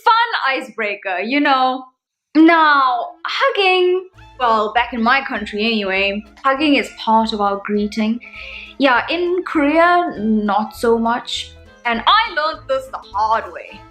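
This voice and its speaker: A woman from South Africa with a South African accent, telling comic stories to camera in a sarcastic, animated way. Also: fairly high pitch, slow pace, soft background music. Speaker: vlogger. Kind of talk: casual comedic vlog monologue.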